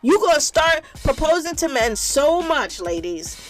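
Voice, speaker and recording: A woman with a fairly high voice holds forth alone on her podcast in a loose, unscripted rant. She is blunt and profane, hammering her points by saying them again and again. Soft music plays faintly underneath. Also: big pitch swings, a little slow. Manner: blunt, profane, emphatic, repeats points for effect. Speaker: podcast host. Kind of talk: casual monologue rant.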